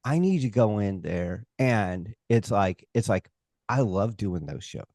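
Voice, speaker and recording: American male stage hypnotist, emphatic interview guest. Low-pitched, unhurried, very dry sound. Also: animated, mellow, no echo. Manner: emphatic, opinionated, halting with repeated rhetorical asides. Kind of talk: casual interview talk.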